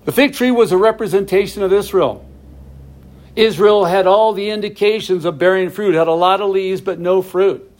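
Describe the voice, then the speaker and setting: A man's voice: high-pitched, moderate pace, a little mellow. A middle-aged man teaching a verse-by-verse Bible study, explaining each passage plainly with asides to his viewers.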